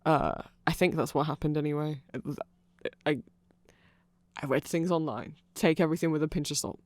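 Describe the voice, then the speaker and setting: Fairly even in intonation and medium in pitch, this host talks at normal speed with no room sound. They ramble through band lore for the listener in a relaxed ASMR explainer, nerdy and chatty, fixing their own slips like an excited fan.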